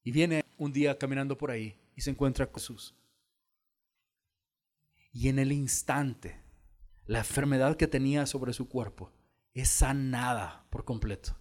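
A man preaching a sermon as pastor, telling stories and acting out the dialogue with lively energy. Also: medium pitch, unhurried, pauses often. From El Salvador. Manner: animated storytelling, acting out dialogue. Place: church hall.

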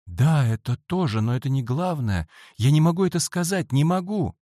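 A man's voice: a little high, animated, moderate pace, a little mellow, no room sound, pitched above the performer's own voice. A man voicing a frightened, pleading schoolboy who bursts out anxiously, on a dry close audiobook recording. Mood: desperate. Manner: pleading, tense outbursts.

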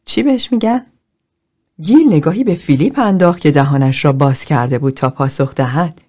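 Female narrator for a novel audiobook, low and mellow, expressive. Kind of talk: scripted narration.

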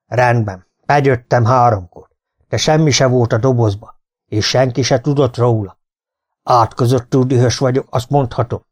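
A man voicing a gruff, domineering older farmer who growls and scolds in an audiobook. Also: medium pitch, fairly even intonation, darkish tone, lightly acted. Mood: scolding. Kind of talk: audiobook character voice.

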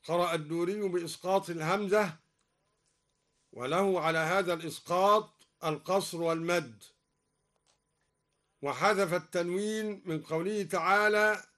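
A man, a Quran reading scholar, giving a radio lesson. He alternates measured explanation with slow, melodic recitation in a studio. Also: high-pitched, fairly bright tone.

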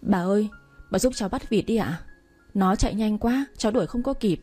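Woman doing a clumsy young woman, flustered, warm husky voice. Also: medium pitch, a little fast, faint music behind, lightly acted. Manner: flustered, pleading. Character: clumsy, eager young woman company director.

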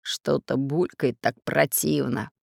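A woman voicing a fat, red-bearded male pirate who talks in a gruff, hoarse, scheming way, in an audiobook reading. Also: low-pitched, measured pace, no echo, clean studio sound, full character voice. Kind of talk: audiobook character voice.

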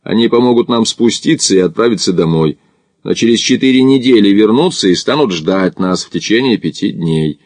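A man's voice: lowish voice, expressive, a little fast, darkish tone, no room sound. A man voicing a terse, stern male Sherpa mountain guide who speaks curtly. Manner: curt, clipped.

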